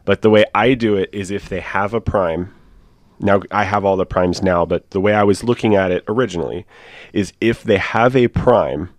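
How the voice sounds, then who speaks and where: A man's voice: fairly low pitch, darkish tone, no echo, studio quality. A man co-hosting a casual podcast, rambling and thinking aloud in long run-on thoughts. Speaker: podcast co-host.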